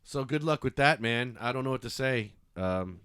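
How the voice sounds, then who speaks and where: A man's voice: mid-range voice, expressive, moderate pace, a bit bright, clear, resonant tone, no echo, studio quality. A man hosting a casual call-in podcast, talking a caller through a website and getting worked up, swearing and apologizing. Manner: frustrated, swears and apologizes, flares up. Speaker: podcast host.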